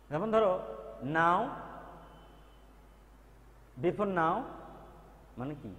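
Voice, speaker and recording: A man teaching a recorded grammar lesson, patiently repeating terms and drilling their pronunciation. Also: fairly high pitch. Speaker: English teacher. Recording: echoey reverberant room.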